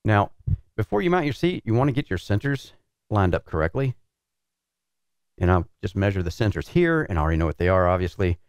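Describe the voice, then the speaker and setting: A middle-aged man, the show's reviewer, calmly walking through assembling a racing cockpit in his workshop, talking practically as he works. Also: fairly low pitch, brisk, clean tone, no echo. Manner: relaxed, practical explaining while working with tools. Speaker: sim racing equipment reviewer. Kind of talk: hands-on product setup walkthrough. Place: large indoor workshop with concrete floor.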